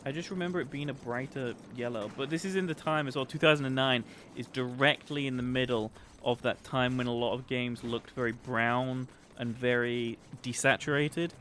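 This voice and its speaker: A man's voice: mid-range voice, fairly even intonation, moderate pace, hardly any pauses, fairly bright tone. A man giving casual, chatty, explanatory commentary as he streams a video game. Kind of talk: casual livestream gameplay commentary. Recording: game ambience noise behind voice. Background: video game ambience.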